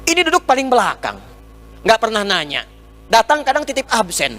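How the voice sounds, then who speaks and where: High-voiced male preacher, lively and joking. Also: moderate pace, soft background music. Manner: animated, joking, teaching with everyday examples. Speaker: Islamic preacher. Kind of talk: humorous sermon lecture with questions and answers. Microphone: speaking into a microphone.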